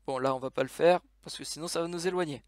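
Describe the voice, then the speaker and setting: A man's voice: fairly high pitch, fast talker, darkish tone, dry recording, clean studio sound. Hesitant French man explaining a game. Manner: hesitant, many fillers and restarts. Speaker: game tutorial maker. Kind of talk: casual screen-recorded tutorial.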